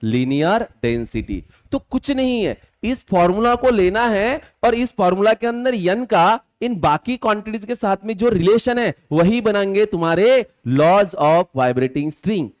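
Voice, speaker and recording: Give me a man teaching physics in a classroom lecture, his voice pitched high. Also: lively intonation, a little slow, hardly any pauses.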